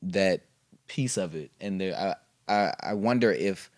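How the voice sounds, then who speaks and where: A man's voice: sits low, measured pace, darkish tone, no echo, studio quality. A man co-hosting a casual podcast discussion, explaining his views in a thoughtful way with fillers. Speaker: podcast co-host.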